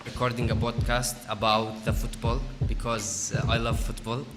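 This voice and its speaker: A man in his twenties, a course facilitator, talking in a halting way with many fillers. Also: mid-range voice, level tone. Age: 20s. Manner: halting, filler-heavy talk. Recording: reverberant, music behind.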